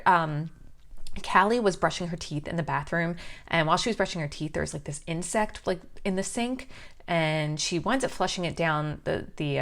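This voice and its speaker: Chatty woman recapping a film plot. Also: deep voice. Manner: chatty, many fillers like um and you know. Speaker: movie recap vlogger.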